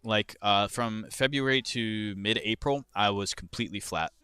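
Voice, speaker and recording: A man's voice: on the low side, moderate pace, pushed and bright, smooth, no echo. A young man chatting casually on a livestream, swearing freely and reading out viewer questions as he goes. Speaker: livestreamer and crypto trader.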